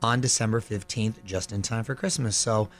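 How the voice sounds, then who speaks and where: A man with a lowish, fairly even voice hosts a radio show, chatting casually with a guest and reading entertainment news. He keeps things upbeat and chatty, tossing in quick asides.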